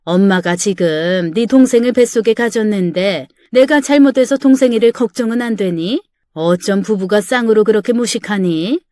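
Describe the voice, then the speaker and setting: A woman's voice: medium pitch, moderate pace, no room sound, studio quality, close to an everyday voice. A woman voicing a selfish, scolding middle-aged mother-in-law in a dramatized story reading. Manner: sharp, scolding, self-pitying.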